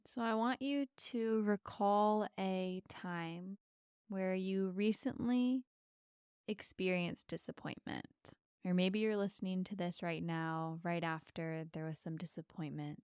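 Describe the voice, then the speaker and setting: Smooth, low-voiced woman guiding meditation. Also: fairly even intonation, no echo, studio quality. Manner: soft, soothing, unhurried guiding delivery with long pauses. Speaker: podcast host and meditation guide. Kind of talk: guided mindfulness meditation.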